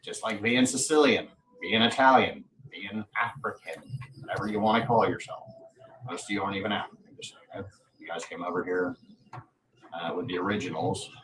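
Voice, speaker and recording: This livestream host has a low voice and a brisk delivery as he rambles in a loose, bragging way, cursing plenty. His mic is distant, the room is audible, and there's faint background noise.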